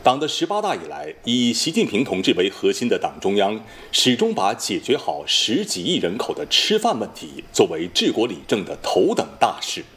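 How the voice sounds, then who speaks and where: A man anchors a formal newscast in standard mainland Chinese Mandarin. His voice sits slightly low and moves through a very lively pitch range. The delivery is measured and scripted, like a professional announcer. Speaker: television news anchor. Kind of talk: formal scripted news reading.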